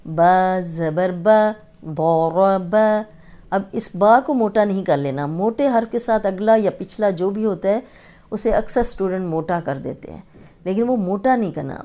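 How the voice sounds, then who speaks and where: A woman with a smooth, clear voice teaches Quran recitation at a very unhurried pace. She speaks, spelling out each letter and drilling syllables again and again with patience. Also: on the low side, mellow. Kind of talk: slow tajweed lesson with drilled letter sounds.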